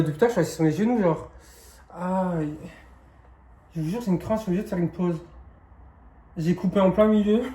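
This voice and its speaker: Chatty young man, slightly high voice. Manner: frank and chatty, full of slang and fillers. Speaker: YouTuber answering viewer questions. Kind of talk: casual Q&A vlog. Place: indoors, sitting on his knees.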